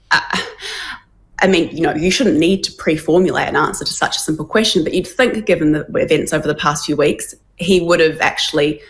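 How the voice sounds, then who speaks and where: A woman from New Zealand, a guest speaking by video link in an interview, earnest and measured with frequent fillers. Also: low-pitched, fairly bright tone. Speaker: guest, women's advocacy CEO. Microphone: video call.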